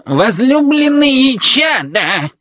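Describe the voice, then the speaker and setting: A man voicing a fussy, grumbling male wedding robot with a creaky metallic voice, in an audiobook reading. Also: extremely high pitch, big pitch swings, extremely slow, pushed and bright, no echo, voice pushed up, heavily acted. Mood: plaintive. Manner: pedantic, fussy, complaining. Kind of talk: audiobook character voice. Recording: dull lo-fi recording.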